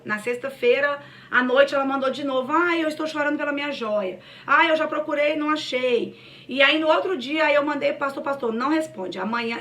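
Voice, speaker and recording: A woman's voice: high voice, fairly bright tone, far from the mic. A woman telling a personal faith testimony to a church group in an earnest, storytelling way. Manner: earnest, storytelling, addresses listeners as "gente". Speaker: church cell group speaker.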